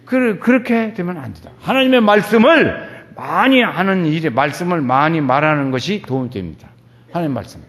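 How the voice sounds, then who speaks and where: An older male pastor delivers a sermon in a church sanctuary, his voice swooping widely as he acts out quoted exchanges. He sounds weary and foggy-headed, and the somewhat high voice rings with a long hall reverb. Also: a little fast. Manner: animated preaching, acts out quoted dialogue.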